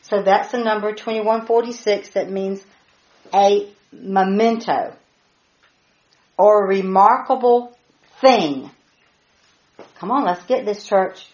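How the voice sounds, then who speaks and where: A woman's voice: mid-range voice, darkish tone. Middle aged woman teaching bible study, hammers words over and over, dull lo-fi sound. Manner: emphatic, repeats key words with slow stress. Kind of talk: Bible teaching to a small group. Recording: roomy, dull lo-fi recording.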